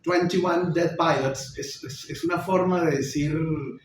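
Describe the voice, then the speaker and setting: A middle-aged man giving a public lecture on theater, expressive, with frequent restarts. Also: fairly high pitch, unhurried. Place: lecture hall. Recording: echoey hall, mic far off, faint noise.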